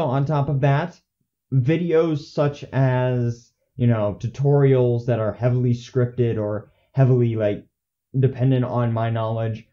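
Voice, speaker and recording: A young man hosting his own channel, talking off the cuff in a rambling way with many fillers and restarts. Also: medium pitch. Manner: rambling, self-correcting, filler-heavy; says he gets monotone when scripted. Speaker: channel host. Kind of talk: unscripted casual vlog. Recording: dull lo-fi audio.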